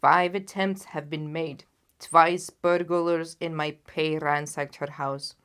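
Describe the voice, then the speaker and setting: A woman's voice: sits low, steady tone, slow, a bit bright, smooth. A woman voicing a haughty, anxious king in a storybook, speaking in a solemn and emphatic way. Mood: indignant, grave. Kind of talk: dramatised audiobook reading.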